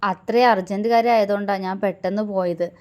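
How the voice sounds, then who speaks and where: A quick-tempered, loving young husband who scolds and teases gruffly, read by a woman narrator. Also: mid-range voice, fairly even intonation, a little mellow, lightly acted. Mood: apologetic.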